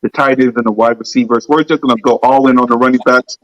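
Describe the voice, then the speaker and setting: A man co-hosting a casual sports podcast, talking football in an animated, mocking way that slows to a drawl at times. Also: mid-range voice, highs cut off. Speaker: podcast co-host.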